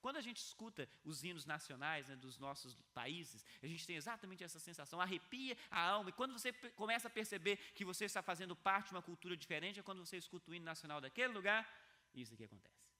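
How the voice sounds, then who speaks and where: A male pastor delivers an earnest video sermon, animated and fast-talking, often repeating key phrases for emphasis. He swings between quiet, low passages and loud, high ones.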